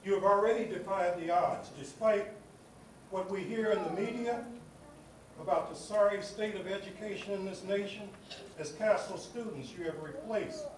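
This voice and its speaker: A man giving a commencement speech to graduates, with a rhythmic, oratorical delivery that builds on repeated phrases. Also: high-pitched. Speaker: commencement speaker. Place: large hall at a graduation ceremony. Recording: echoey hall recording from far off with noise.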